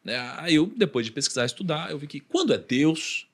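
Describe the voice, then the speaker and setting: A podcast guest with a Brazilian accent animatedly relates a personal story, performing the voices of the people involved. His voice is fairly high and breathy at the edges, and he talks fairly quickly.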